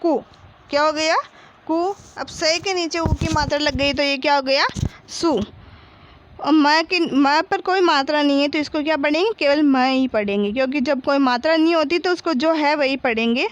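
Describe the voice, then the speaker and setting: A woman's voice: high-pitched, normal speed, dull audio, slight background noise. A woman teaching a children's Hindi reading lesson, patiently spelling out each syllable and blending them into words.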